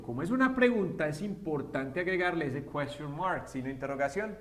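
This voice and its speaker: A man teaching an English grammar lesson step by step, often checking in with a quick question. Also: high voice. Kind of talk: recorded classroom lesson. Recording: echoey room.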